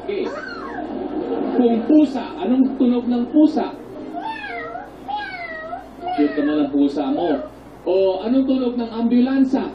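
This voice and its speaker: A man, a theater actor, patiently teaching voice and breathing exercises on a TV show, breaking into loud demonstration shouts. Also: very high-pitched, sing-song, a little slow, long pauses, highs cut off, noisy background. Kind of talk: instructive voice lesson on a TV show. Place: TV studio with a live audience. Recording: echoey studio, mic some distance off.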